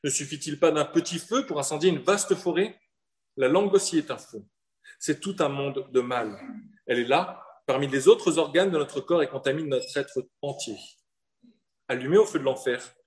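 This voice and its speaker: A man from southern France preaching a sermon in an earnest manner, with rhetorical questions and slowed-down emphasis. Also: medium pitch, darkish tone. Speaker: pastor.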